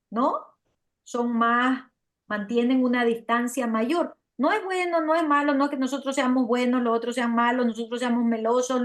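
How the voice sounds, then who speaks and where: Woman teacher, lively delivery, voice a bit high. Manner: lively, asks "¿verdad o no?" and "¿sí?" to check understanding. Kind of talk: classroom lecture.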